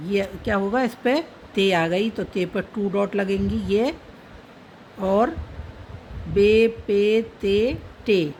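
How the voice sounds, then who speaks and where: A woman teaches letter by letter, unhurried and patient, often repeating herself as she writes. Her pitch sits in the middle, and a faint hiss runs under her voice. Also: darkish tone, poor audio. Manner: patient, repeats letter names while writing. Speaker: Urdu script teacher. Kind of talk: slow step-by-step writing lesson.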